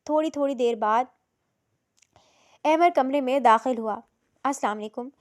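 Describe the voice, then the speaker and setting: Woman narrator, high voice, steady novel reading. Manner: steady storytelling read. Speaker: story narrator.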